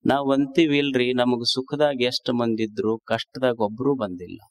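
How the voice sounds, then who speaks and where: A man's voice: mid-range voice, steady tone, moderate pace. A man with a North Karnataka Kannada accent giving a sermon as a swamiji, asking rhetorical questions and repeating his phrases. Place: discourse series in a town.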